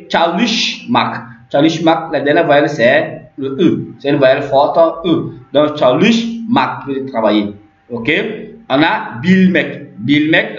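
A man's voice: medium pitch, highs cut off. Man teaching with many repetitions, roomy sound. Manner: repetitive, checks in with "ok?" and "n'est-ce pas?". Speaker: language teacher. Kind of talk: explaining and repeating examples.

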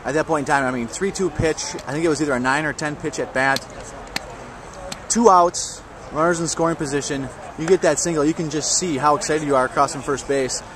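Slightly high-voiced male sports interviewer. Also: a little fast, recorded from a distance, noisy background. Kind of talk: postgame interview. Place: outdoors on a baseball stadium field, off camera.

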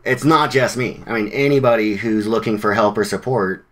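A man's voice: on the low side, fairly even intonation, normal speed, a bit bright. Man giving a casual meetup talk. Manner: conversational, with many fillers and restarts; informal slang. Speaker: web developer giving a meetup presentation. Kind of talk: casual presentation.

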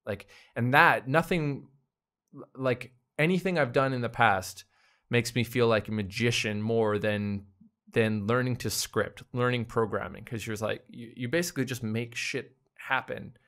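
A man's voice: mid-range voice, measured pace, fairly bright tone. A man co-hosting a casual podcast conversation, thinking aloud with fillers and restarts. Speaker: podcast co-host.

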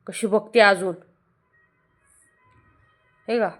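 A woman with a Marathi accent talking to her small children at home, coaxing them to sleep with playful scolding and soft repeated words. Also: medium pitch, steady tone, very slow, soft background music. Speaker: mother filming her children. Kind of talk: casual home vlog, talking to babies.

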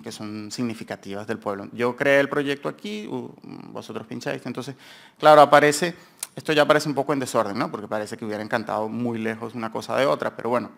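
A man's voice: mid-range voice, gravelly, fairly bright tone. A man with a Peninsular Spanish accent giving an academic conference talk in a university seminar room, rambling informally and correcting himself as he goes. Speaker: conference speaker presenting research.

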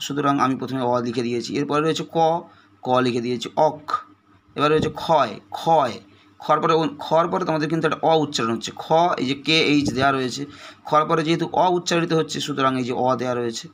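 A man's voice: on the high side, fairly bright tone. A man teaching an exam-prep lesson, patiently breaking words into single sounds, with a West Bengal Bengali accent.

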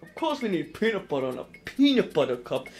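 A young woman casually narrates a plush puppet cooking skit at home, moving through the kitchen and dining room as she rambles, jokes and corrects herself. Her voice is fairly low and a little mellow, with big pitch swings and a fast pace, and faint music plays behind her.

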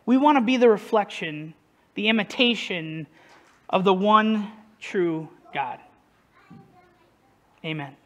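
A man's voice: high voice, animated, slow, pauses often, fairly bright tone. A male pastor preaching a casual sermon, conversational and self-deprecating, who often puts questions to the congregation. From northern United States.

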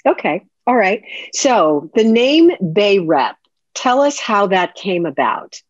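A woman's voice: medium pitch, big pitch swings, takes it slowly, dry recording. Host: woman, encouraging and affirming, dry slightly muffled call audio. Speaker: podcast host. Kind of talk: video call interview. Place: home office, indoors.

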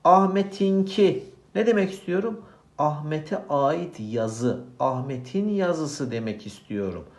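A man's voice: on the high side, lively intonation, slow pace, echoey room. A man teaching a grammar lesson, asking questions and answering them himself.

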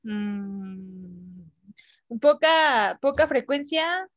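A woman's voice: medium pitch, expressive, very slow, no echo, lo-fi sound. A woman, a student asking questions in an online English class, hesitant and searching for words.

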